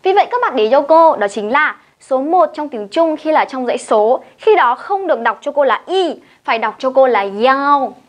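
A woman's voice: sits high, expressive, normal speed, few pauses. A woman teacher with a Vietnamese accent giving a video lesson, explaining step by step and leading learners through repeated drills. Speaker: Chinese language teacher. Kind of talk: classroom-style video lesson.

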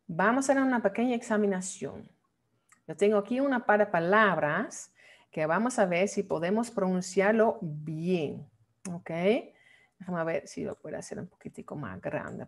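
A woman teaching a lesson on Dutch pronunciation, playful and repeating words slowly as drills. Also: mid-range voice, darkish tone. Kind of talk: online language lesson.

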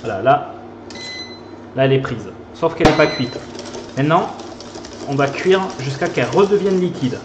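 A man's voice: a little high, animated, normal speed, long pauses, highs cut off. A man with a Toulouse accent teaching a live pastry lesson, chatting as he whisks and stirs at the stove. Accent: Toulouse French. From southern France. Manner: chatty, talks while whisking and stirring. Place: kitchen. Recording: echoey kitchen with clear background noise.

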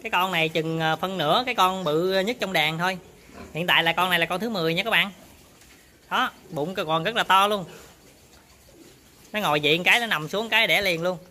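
A man's voice: sits high, fairly quick, pauses often, bright, forceful tone. A man casually talks viewers through work in his pig barn, often turning to address them. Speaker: pig farmer vlogger. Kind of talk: casual on-farm demonstration.

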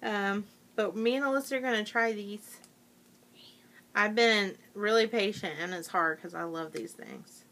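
A middle-aged woman talking straight to her viewers in a loose, rambling way. Her voice is bright and forceful, full of "um" and "like" as she goes. She sounds relaxed and homey, as if talking to friends. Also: mid-range voice, unhurried. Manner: rambling, many fillers, chatty. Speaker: vlogger. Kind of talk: casual chat to camera.

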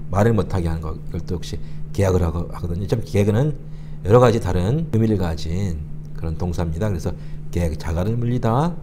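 Deep-toned patient male language tutor. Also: lively intonation, a little fast, noisy background. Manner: patient, repeats phrases for learners to copy. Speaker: English tutor. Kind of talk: explanatory language lesson.

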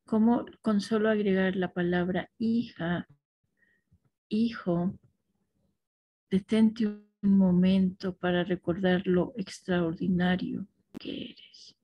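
A woman teaching a class, talking thoughtfully with restarts and soft affirmations to her students. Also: medium pitch, little pitch movement, slow, no room sound, lo-fi sound.

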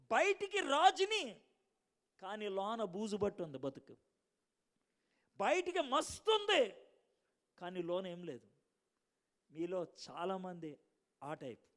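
A man preaching a sermon to a congregation, telling stories and swinging from loud bursts to hushed asides. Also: high-pitched, huge pitch swings, measured pace, long pauses.

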